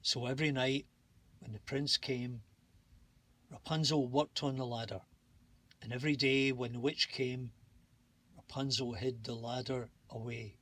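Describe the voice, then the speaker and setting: A man reading a bedtime fairy tale aloud in a slow, calm and soothing way. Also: mid-range voice. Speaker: storybook narrator. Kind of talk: bedtime story read-aloud.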